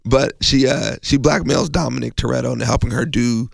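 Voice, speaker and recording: A man, a film critic co-hosting a podcast, sounding hoarse as he gets over a cold and talking in a rambling, casual way. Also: mid-range voice, fairly even intonation, a little fast. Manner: rambling, laughing, many fillers.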